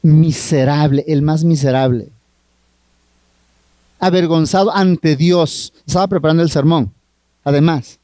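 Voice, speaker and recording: A middle-aged man with a Mexican accent, a family therapist preaching at a marriage retreat, earnest and drawn-out, often asking the audience questions. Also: fairly high pitch, warm tone, dry recording. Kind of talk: sermon.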